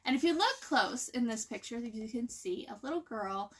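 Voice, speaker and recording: With a husky, slightly high voice and lively intonation at a normal pace, a woman hosts story time for children. She reads aloud and gives an informal nature lesson, explaining casually and questioning her young listeners.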